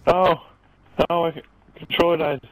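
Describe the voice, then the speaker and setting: A young man chatting over a headset while gaming, excitable and swearing, yelling when things go wrong. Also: a little high, moderate pace, poor audio. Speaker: gamer in party chat. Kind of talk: casual chat while gaming.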